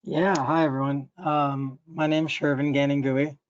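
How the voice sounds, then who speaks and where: A man in his thirties from the United States speaks in a flat, even tone with a fairly high pitch and an easygoing manner. The sound is dry and lo-fi. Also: normal speed, smooth, dry recording. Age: 30s. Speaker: panelist. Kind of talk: self-introduction.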